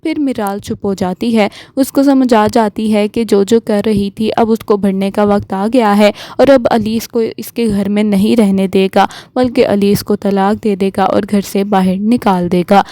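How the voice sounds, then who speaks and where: A woman hosting a drama review channel, retelling an episode's plot in a steady, flowing storytelling manner. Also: medium pitch, few pauses, dry recording.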